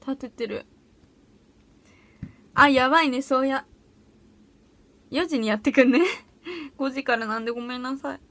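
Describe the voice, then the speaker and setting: A teenage girl with a high-pitched, slightly bright voice hosts a solo audition livestream from a small room at home, with no room sound. Unhurried and pausing long, she chats casually, bubbly and giggly as she reacts to viewer comments.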